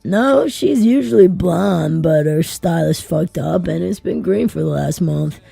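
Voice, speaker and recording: A brash young male author narrating his own anxious night in an audiobook, as a woman reader puts him on. His voice is very husky and breathy, with a gravelly fry under wry, profane asides. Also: on the low side, a little slow, dark tone, dry recording, soft background music, heavily acted. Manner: wry, profane inner monologue.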